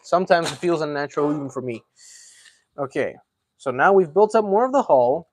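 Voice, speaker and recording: A man's voice: fairly high pitch, lively intonation, fairly quick, slight background noise. A man hosting a casual live stream, chatting and thinking aloud as he builds, a self-described yapper. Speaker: livestream host.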